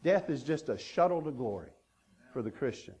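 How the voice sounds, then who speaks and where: A man's voice: mid-range voice, animated, normal speed, mellow, slightly rough. A man preaching a sermon as pastor, earnest and emphatic, stacking repeated phrases.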